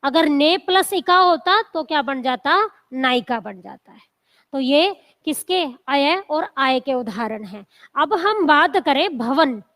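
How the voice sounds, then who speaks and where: A woman teacher giving an exam coaching lecture, spelling out word parts slowly and asking the class repeated questions. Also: sits high, lively intonation, a bit bright. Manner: slow, drawn-out syllable-by-syllable teaching with repeated questions.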